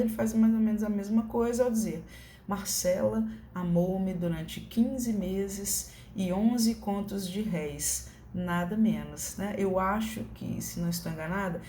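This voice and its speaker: A Brazilian woman teaches a concurso-prep lesson from her home, her voice set slightly low with a soft, dark tone. She keeps it chatty, often pausing to check that the point landed. The room rings noticeably, and faint ambient noise sits underneath. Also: roomy sound. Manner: conversational, many tag questions. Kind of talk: online lecture.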